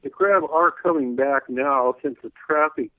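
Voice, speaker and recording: A man calling in as a radio guest, rambling folksily with lots of "you know," clearing his throat as his voice wears out. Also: on the high side, moderate pace, no room sound. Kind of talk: casual call-in radio interview. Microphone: telephone. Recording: tinny phone line.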